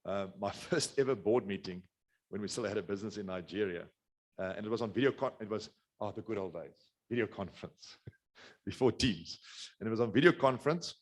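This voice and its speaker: In a lowish voice and at a fairly quick pace, a middle-aged South African business speaker gives a webinar presentation. He rambles along, frequently restarting and leaning on fillers.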